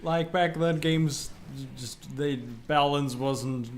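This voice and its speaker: A man co-hosting a podcast, chatting casually and loosely, swearing freely and getting animated as he recalls things. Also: fairly high pitch, takes it slowly. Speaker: podcast co-host. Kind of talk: casual chat.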